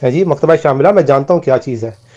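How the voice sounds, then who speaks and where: A man's voice: mid-range voice, expressive, darkish tone, dull audio. A man in a heated debate over voice messages, explaining his point steadily and accusing the other side.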